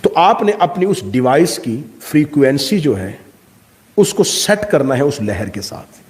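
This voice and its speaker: A male cleric delivering a devotional sermon at a religious gathering, emphatic, with rhetorical questions and sudden swings between loud and hushed. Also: a little high. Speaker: Shia cleric leading a majlis.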